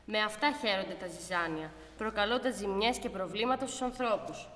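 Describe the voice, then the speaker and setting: A woman's voice: mid-range voice, in a large hall. A woman narrating a folk tale, speaking directly to the listeners. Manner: warm, addressing the listeners directly. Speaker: storyteller.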